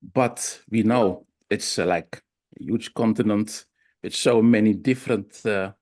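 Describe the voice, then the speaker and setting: A man speaking in an online seminar discussion, halting with many fillers and restarts, heard over a video call. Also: on the low side, darkish tone. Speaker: discussion participant.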